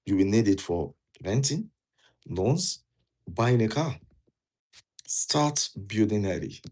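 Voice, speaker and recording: Here a Nigerian man talks slowly and animatedly, his fairly low voice a little mellow. He's a vlogger in a jacket indoors, casually and earnestly advising viewers on immigration, going over key points again and putting questions to them in Nigerian-accented English.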